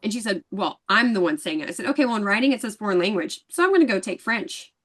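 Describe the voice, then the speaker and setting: Fast-talking woman telling a lively story. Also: medium pitch. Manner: animated storyteller acting out dialogue. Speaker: guest. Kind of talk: casual interview chat.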